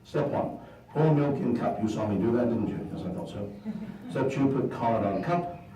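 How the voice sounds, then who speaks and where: Playing a jolly, bumbling Christmas wizard, a man performs stage magic before a live audience in a hall, speaking in an animated, lightly acted mid-range voice at a moderate pace. His playful delivery is theatrical, sing-song, and full of chuckles, captured from far off in a roomy space.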